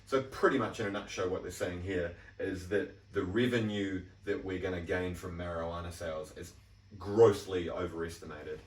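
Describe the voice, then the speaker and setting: A man's voice: low voice, steady tone, moderate pace. A young man with a New Zealand accent co-hosting a podcast, laid-back and earnest, now and then tripping over his phrasing. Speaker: podcast co-host. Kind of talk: casual chat. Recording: roomy room, mic at a distance.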